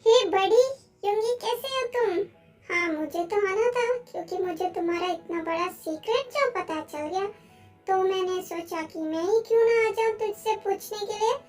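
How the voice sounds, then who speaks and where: A woman's voice: very high-pitched, moderate pace, darkish tone, soft background music. A woman voicing a young man who is a cheeky, teasing best friend in a fan-dubbed story. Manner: teasing, bossy.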